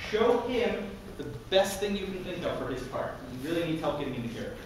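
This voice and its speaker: A man's voice: high-pitched, very animated, fast. A man improvising a comedy scene, playing a bossy director coaching an actor. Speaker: improv player. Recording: echoey stage from far off, noisy.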